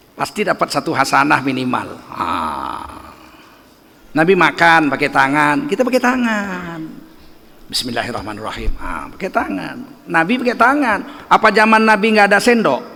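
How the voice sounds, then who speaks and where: A man's voice: on the high side, gravelly, pushed and bright, in a large hall. A middle-aged man preaching a religious lecture in a mosque, emphatic and full of rhetorical questions to the audience. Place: mosque hall.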